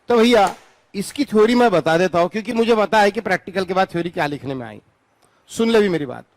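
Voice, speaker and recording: An Indian man lectures a physics class in a high, lively voice. He repeats key phrases, calls students by name and teases them for not paying attention. The recording is dry and close. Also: no echo. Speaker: physics teacher.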